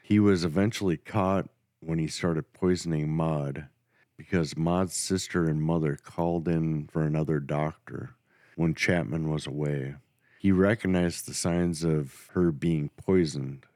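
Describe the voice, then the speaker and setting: A man hosting a podcast, telling a true crime story in a steady, matter-of-fact way. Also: extremely low pitch, measured pace, dry recording, studio quality. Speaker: podcast host.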